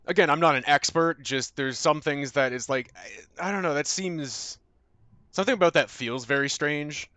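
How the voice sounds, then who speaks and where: A young Canadian man with a Canadian accent chats casually with his stream viewers while gaming, rambling loosely with lots of fillers and offhand swearing. His voice sits a little high, moves at normal speed, and has a sharp tone, with no echo.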